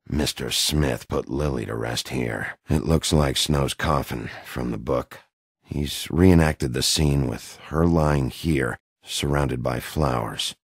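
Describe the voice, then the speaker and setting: A brooding big bad wolf turned detective for a video game. The voice is extremely low and full of gravel, husky at the edges. He speaks tersely and dryly, like a dogged investigator, in a close, dry recording. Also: no room sound, full character voice. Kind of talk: video game dialogue acting.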